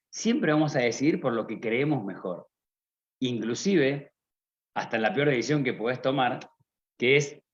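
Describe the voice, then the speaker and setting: Speaking from a conference stage, an Argentine man with a medium-pitched voice and Argentine Spanish accent gives a motivational talk. He puts rhetorical questions to the listener and speaks to them directly, and the recording sounds slightly dull and lo-fi.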